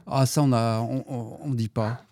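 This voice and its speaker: Hesitant middle-aged man, dark dry voice. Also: mid-range voice, normal speed, no room sound. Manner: hesitant, many fillers, animated when acting out a story. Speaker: history-geography teacher. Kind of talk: casual interview, storytelling.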